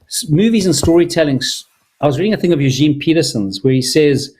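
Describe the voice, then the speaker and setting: A man's voice: fairly high pitch, lively intonation, fast, darkish tone. A middle-aged man from Zimbabwe, a filmmaker speaking earnestly and enthusiastically to an audience, with many restarts. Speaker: filmmaker presenting his film. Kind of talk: earnest personal talk to an audience.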